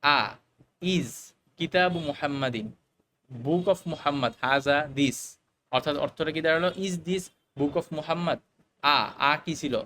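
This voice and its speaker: Man explaining Arabic grammar, slightly high. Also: sharp tone, slight background noise. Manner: explains slowly, with fillers and mixed English words. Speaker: Arabic teacher. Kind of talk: recorded lesson explaining grammar.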